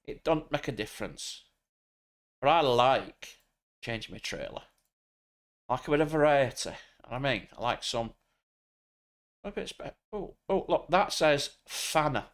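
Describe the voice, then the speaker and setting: A man's voice: medium pitch, animated, moderate pace, long pauses. An English man streaming a truck driving game, chatting casually with crude, joking banter. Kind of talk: casual gaming chat.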